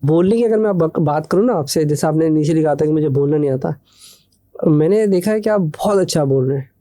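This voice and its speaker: A young man hosting a podcast, asking questions in a quick, hurried way. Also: a little high, warm tone. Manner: talks fast, hurried. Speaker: podcast host. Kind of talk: podcast interview.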